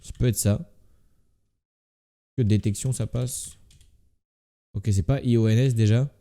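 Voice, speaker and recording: A man's voice: medium pitch, fairly even intonation, measured pace, creaky, dark tone. A man with a slight lisp on his s sounds, doing casual live game commentary as a streamer and muttering repeated word guesses to himself.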